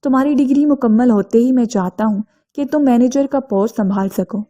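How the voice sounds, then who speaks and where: A woman voicing a blunt, self-assured young wealthy man who speaks calmly and matter-of-factly. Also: fairly high pitch, highs cut off, natural voice.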